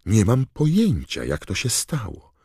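A man's voice: fairly low pitch, huge pitch swings, unhurried, vocal fry, dark tone, husky, no echo, clean studio sound, pitched above the performer's own voice, exaggerated voice. A man playing a tired teenage boy wizard. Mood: insistent. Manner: insistent, tired. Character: weary teenage boy wizard, reluctant hero.

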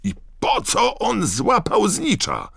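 A deep-voiced man voicing an excitable teenage boy shouting indignantly at a match. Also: slow, vocal fry, husky, no room sound, studio quality, exaggerated voice. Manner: loud, frantic, indignant.

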